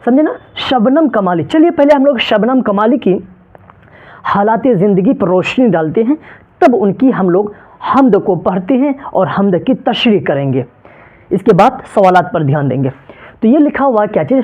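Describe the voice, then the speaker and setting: A woman's voice: on the high side, warm tone. A woman teacher giving an exam-prep lecture, repeatedly asking and answering her own questions. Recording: dull lo-fi recording.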